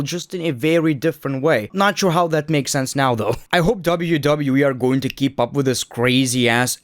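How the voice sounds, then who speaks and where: Male reaction host: slightly high voice, sarcastic, casual, sweary, dry sound. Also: no echo. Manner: joking, sarcastic, swearing freely. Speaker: wrestling commentary host. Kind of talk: casual opinionated reaction commentary.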